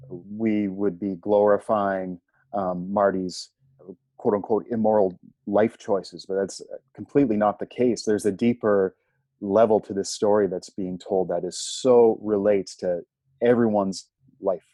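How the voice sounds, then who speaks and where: Mellow low-voiced man, halting and analytical. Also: steady tone, no echo. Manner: halting, pausing mid-thought. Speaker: podcast co-host. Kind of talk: casual analytical discussion.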